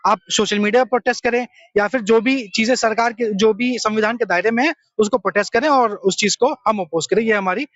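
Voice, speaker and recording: A young man with a very high voice speaks earnestly in a street interview and explains his view point by point. His speech is dry and close, with a dull, lo-fi sound. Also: fairly quick, hardly any pauses, fairly bright tone, no room sound. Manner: earnest, explanatory, mixes English terms.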